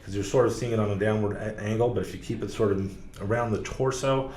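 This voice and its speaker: This man, a car sales professional guesting on a podcast, talks fast in a fairly low, slightly mellow voice whose intonation stays fairly even. His relaxed interview chatter is rambling and packed with fillers and restarts, recorded in an echoey space with faint background noise.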